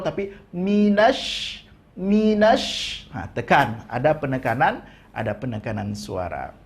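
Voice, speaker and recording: Slow, deliberate male recitation teacher. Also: a little high. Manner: slow, deliberate explanation, drawing out demonstrated words. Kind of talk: tajwid lesson with modeled recitation.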